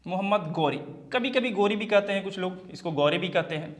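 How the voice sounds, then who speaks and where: A man's voice: high voice, brisk. A man teaching an exam-prep history lesson, posing questions and then answering them himself. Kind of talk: classroom lecture.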